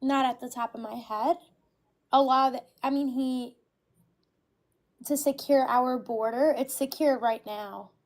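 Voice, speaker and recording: Her voice is very high and steady: she's a caller in her twenties from the United States taking part in a casual debate. At first she halts, but soon she presses her point insistently.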